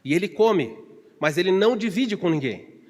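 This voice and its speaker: A man preaching a Bible study as pastor, telling stories with digressions and humor and acting out shouted calls with big pitch jumps. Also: expressive, moderate pace, long reverb tail. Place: church.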